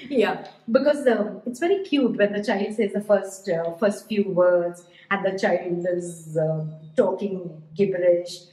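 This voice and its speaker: A woman's voice: fairly low pitch, unhurried, few pauses, mellow. A middle-aged woman hosting a podcast, chatting casually in a blunt, teasing way and laughing easily. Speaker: podcast host and coach. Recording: roomy, echoey sound.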